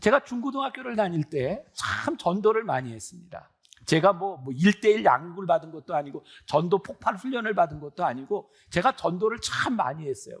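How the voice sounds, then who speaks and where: 60s pastor guy preaching, pretty high voice, talks to the crowd like a chat, lots of questions. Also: breathy edge. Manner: earnest, conversational preaching with rhetorical questions. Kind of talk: sermon.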